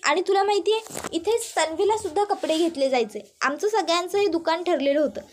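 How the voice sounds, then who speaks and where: A woman voicing a gentle young husband who fondly recalls his childhood, in a soft storytelling tone. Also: very high-pitched, fairly quick, slight background noise.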